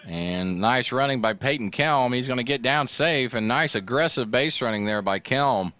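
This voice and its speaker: A man doing relaxed, joking play-by-play commentary for a local high school baseball game, as a regular announcer. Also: normal speed, smooth. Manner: relaxed, joking, gets loud and excited on the home run.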